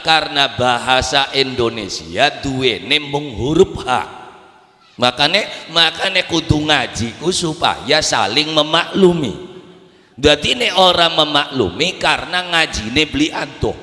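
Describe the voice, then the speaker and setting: A man's voice: a little high, lively intonation, measured pace, pushed and bright. A man with an Indramayu Javanese accent preaching a sermon, asking and answering his own rhetorical questions and repeating words for emphasis. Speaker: Islamic preacher. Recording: reverberant hall.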